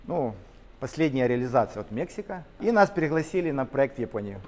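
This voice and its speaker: A middle-aged man, a company co-founder, telling his story in an interview, lively and gesturing as he walks through large factory halls. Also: medium pitch, a little fast, big-room sound. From Ukraine. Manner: animated, gesturing while walking and talking. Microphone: camera-mounted shotgun mic.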